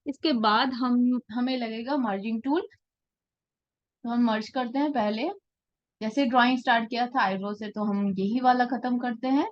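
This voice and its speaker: A woman's voice: fairly high pitch, steady tone, normal speed, lo-fi sound. A woman teaching a live portrait-drawing class, explaining patiently and often checking that her students follow. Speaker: art teacher.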